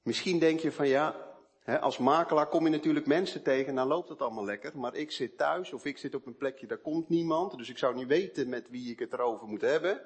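A man preaching a sermon with personal testimony, swinging between hushed storytelling and emphatic outbursts. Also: medium pitch, a little fast.

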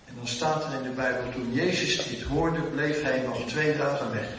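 An older male preacher tells a Bible story with animated energy and acts out its characters as he goes. His voice rings through a big, echoing hall. He sounds set back from the microphone, with faint room ambience underneath. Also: mid-range voice, normal speed, a little hiss or hum. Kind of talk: sermon. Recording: echoey hall, mic set at a distance.

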